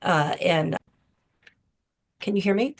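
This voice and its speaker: Woman on choppy breaking-up call audio. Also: lowish voice. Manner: halting and apologetic, with restarts. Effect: choppy video-call audio cutting out. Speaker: exposure and risk assessment scientist on a panel. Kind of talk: introducing herself on a video call. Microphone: video call.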